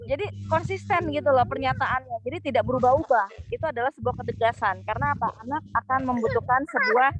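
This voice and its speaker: A woman's voice: high voice, highs cut off. A woman speaking as a guest, earnestly explaining parenting advice. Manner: earnest, explanatory, acts out example quotes. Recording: noticeable background noise.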